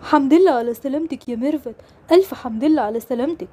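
A woman plays a young Egyptian father in a homemade game drama, consoling and earnest. He talks quickly and repeats himself. The voice is high and mellow rather than bright. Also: natural voice. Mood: shocked, consoling. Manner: earnest, comforting, fast and repetitive. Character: young father grieving his lost twin son. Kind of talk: toy-game role-play drama.

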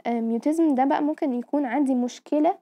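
A woman's voice: high voice, fast talker, mellow. A woman with an Egyptian Arabic accent giving a medical lecture, explaining terms step by step and often checking that listeners follow. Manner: explanatory, mixing English medical terms, frequent "tamam?" checks.

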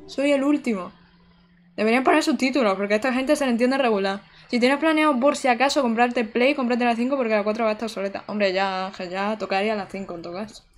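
Young female streamer, casual and chatty, voice on the higher side, light room noise. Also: fast talker. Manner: chatty, talks to chat while playing. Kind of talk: live gameplay commentary.

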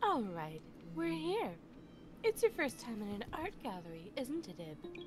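A posh, prim mother from a video game, as a woman puts her on, speaking with a patronizing, instructive air. Her pitch swings widely and sits a little high. Game music plays behind her. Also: wildly swooping pitch, a little slow. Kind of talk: reading game dialogue aloud on stream.

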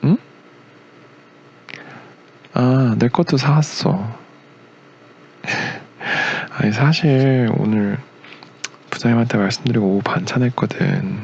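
A young man acting as a gentle, doting boyfriend in a romantic ASMR role-play, a tender leading man with a soothing, murmured, partly whispered delivery. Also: medium pitch, slow, gravelly, long pauses, slightly rough, highs cut off, full character voice. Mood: tender, reassuring. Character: doting, gentle young boyfriend caring for his sick girlfriend.

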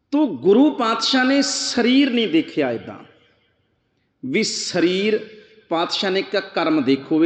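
Male preacher, slow and measured, a bit high, chants verses then explains, echoey hall, dull lo-fi sound. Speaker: Sikh preacher. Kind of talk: scripture exposition sermon.

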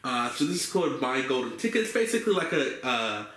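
A man's voice: medium pitch, quick pace. Young guy rambling casually. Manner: relaxed, rambling, many fillers. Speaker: vlogger. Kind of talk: casual haul video. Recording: echoey room with faint noise.

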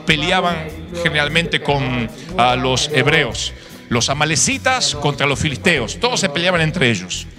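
A man preaching a sermon, telling a Bible story in a fervent, emphatic way. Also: fairly high pitch.

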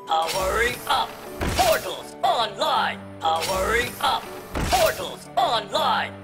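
A robot booting up its systems, calling out its status in short, clipped reports. The pitch sits in the middle but swings widely, and the delivery is slow and deliberate. Loud game music plays underneath. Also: big pitch swings. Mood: mechanical. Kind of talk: video game character voice lines.

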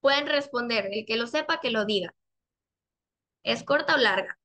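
A young woman teaching an online class over a video call. She patiently repeats her questions and draws out the example words slowly. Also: fairly high pitch, pushed and bright. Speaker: English teacher.

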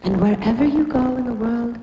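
A woman voicing a mysterious spirit that speaks slowly and grandly, recorded live in a concert hall with audience noise. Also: on the high side, distant mic, muffled recording, close to an everyday voice. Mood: solemn.

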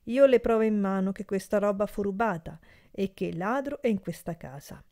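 A woman's voice: medium pitch, fairly quick, warm tone, close to an everyday voice. A woman voicing a cold, ironic rich landlord who speaks with mocking precision in an audiobook. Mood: menacing.

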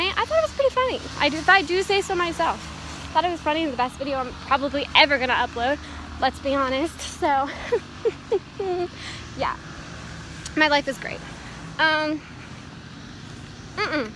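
A teenage girl rambling casually and profanely into her phone while walking down a town street, laughing at herself. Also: sits high. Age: teens. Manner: rambling, profane, self-mocking, frequent laughs. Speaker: vlogger. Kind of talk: casual walk-and-talk vlog. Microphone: phone at arm's length while walking. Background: faint street noise and a weed whacker.

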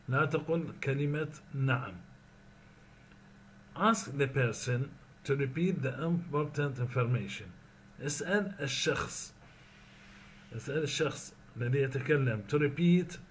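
A man with an Iraqi accent teaching an English lesson, reading each phrase slowly, repeating it, then translating it. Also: mid-range voice, a little hiss or hum.

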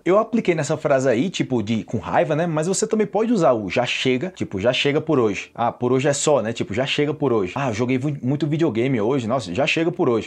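A young Brazilian man with a slightly high, slightly rough voice gives a language lesson explaining Portuguese phrases. He's lively and acts out the example phrases with shifting voices.

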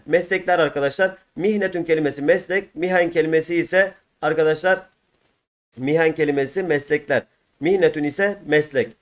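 A man with a Turkish accent teaching an Arabic lesson from a textbook, patiently repeating each word and its meaning for students. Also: fairly high pitch. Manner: explains patiently, repeats each word twice, addresses viewers as friends. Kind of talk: textbook answer walkthrough lesson.

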